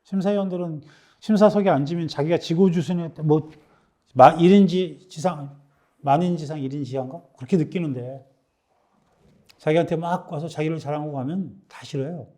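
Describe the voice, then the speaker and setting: A man's voice: fairly high pitch, normal speed, dark tone. A middle-aged man lecturing on business planning in a conversational way, acting out quoted dialogue and often restarting his sentences. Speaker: startup lecturer. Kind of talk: classroom lecture.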